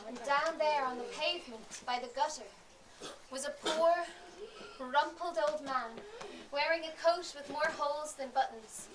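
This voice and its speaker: A woman telling a fairy tale in a lively, dramatic storyteller manner. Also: sits high, a little slow, a crowd in the background. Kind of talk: expressive storytelling. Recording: roomy, distant, noisy.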